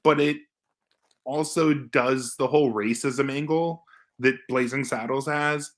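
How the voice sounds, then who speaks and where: A man talking casually as a film reviewer, halting and repeating words as he thinks aloud. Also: mid-range voice, steady tone.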